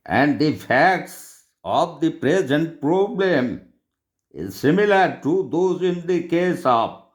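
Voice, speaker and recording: A man teaching law, reading out and solving problems in a slow, deliberate lecture with long pauses. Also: a little high.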